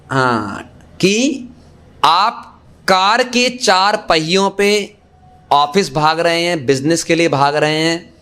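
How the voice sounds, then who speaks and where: A man giving a Gita class as a Hare Krishna preacher, asking rhetorical questions and mixing English phrases into his talk, lively and joking with listeners. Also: a little high.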